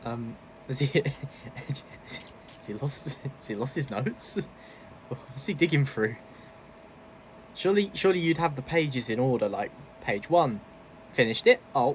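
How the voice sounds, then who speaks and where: A man's voice: medium pitch, expressive, unhurried, pauses often, a little hiss or hum. Chatty man reacting to clips. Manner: chatty and laughing often, loose asides. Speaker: video host. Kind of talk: casual reaction commentary.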